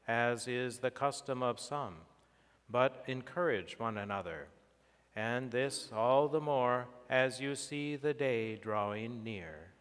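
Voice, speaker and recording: A middle-aged priest offers liturgical prayer and reads scripture with solemn formality, lingering over each phrase in a smooth, resonant, mid-range voice with a fairly bright tone. He speaks at the altar and lectern of a large church sanctuary, and a fixed church microphone carries his words into a long cathedral echo.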